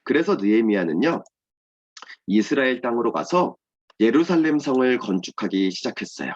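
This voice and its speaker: Man, children's sermon, lively intonation, simple question-and-answer teaching, dull sound. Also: mid-range voice, moderate pace. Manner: simple, explanatory, asks and answers own questions. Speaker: children's ministry pastor.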